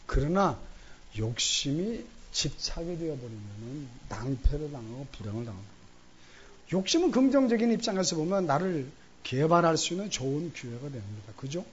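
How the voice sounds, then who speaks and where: Lively preaching man in church. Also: a little high, normal speed, breathy edge, muffled recording. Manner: animated storytelling, acting out church members' voices. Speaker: pastor. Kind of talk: sermon. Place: church sanctuary during Sunday service.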